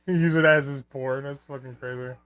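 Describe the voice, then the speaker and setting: A man's voice: medium pitch, fairly even intonation, fairly quick. A man giving casual, rambling and joking film commentary, with some swearing. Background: film soundtrack music.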